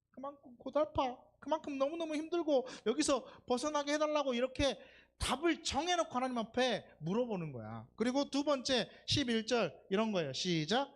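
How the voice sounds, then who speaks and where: During Sunday worship, a preacher delivers a sermon in church, speaking conversationally, posing questions to the congregation and acting out quoted dialogue. The voice sits high.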